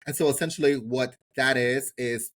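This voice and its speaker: Medium in pitch and fairly bright, the man's voice holds a steady tone at a moderate pace. As a co-host on a casual TV recap podcast, he chats in an emphatic, slangy style full of swearing and repetition.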